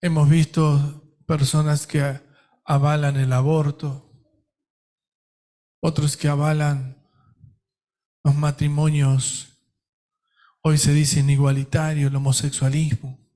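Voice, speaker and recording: A middle-aged Argentine pastor preaches a sermon in a fairly high voice for a man. He speaks very slowly, leaning on each phrase with emphatic pauses. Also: little pitch movement, dark tone. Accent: Argentine Spanish.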